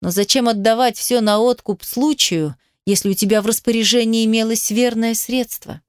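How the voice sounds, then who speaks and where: A woman voicing a young man who speaks in a flat, cold, clipped tone to the father who betrayed him. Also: on the high side, normal speed, clear, resonant tone, no echo, studio quality, lightly acted. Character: young man, cold, contemptuous, grief-stricken son.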